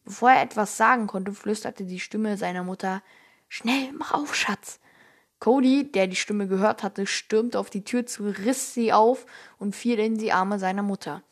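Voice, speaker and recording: A woman reads a children's story aloud in a calm, even voice. Her pitch sits in a middle range, and her delivery stays steady and clear. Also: normal speed. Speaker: narrator. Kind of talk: scripted narration of a children's story.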